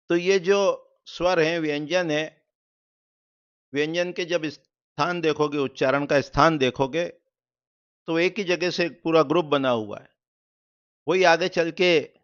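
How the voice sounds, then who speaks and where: Guy teaching a class, kinda higher voice, clear and smooth, muffled lo-fi sound, answers his own questions. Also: a bit bright. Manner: explains step by step, asks and answers own questions. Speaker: vastu teacher. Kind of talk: explanatory lecture. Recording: muffled lo-fi recording.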